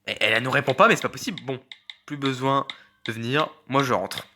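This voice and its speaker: A man's voice: medium pitch, fast talker, sharp tone, slight background noise. A man doing casual, sarcastic commentary on a chat story game, reading its messages aloud and mocking the spelling mistakes. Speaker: gaming YouTuber.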